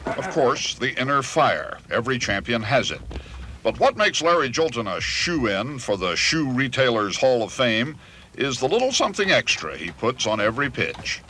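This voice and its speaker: Wry, bright news narrator. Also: male voice, mid-range voice, sing-song, moderate pace. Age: older. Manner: wry, mock-sports commentary delivery. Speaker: TV news correspondent. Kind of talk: scripted narration. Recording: 1980s TV news voice-over.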